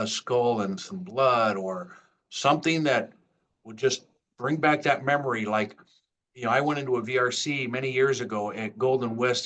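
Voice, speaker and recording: Earnest man on a video panel, middle pitch, chatty. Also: fairly bright tone. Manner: earnest, conversational, uses "you know" and "right". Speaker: veteran services coordinator. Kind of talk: casual panel talk.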